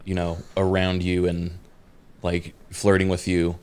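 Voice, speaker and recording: A man's voice: low-pitched, completely flat delivery, unhurried, a little mellow, clean tone. A man co-hosting a podcast, talking casually and hesitantly with lots of fillers. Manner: rambling, hesitant with many fillers. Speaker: podcast co-host. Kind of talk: casual chat.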